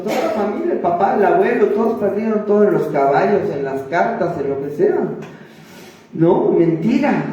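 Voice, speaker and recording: Woman pastor, conversational sermon with rhetorical questions; mellow tone, far-off mic in a boomy room. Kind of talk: sermon teaching. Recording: echoey room, distant dull mic.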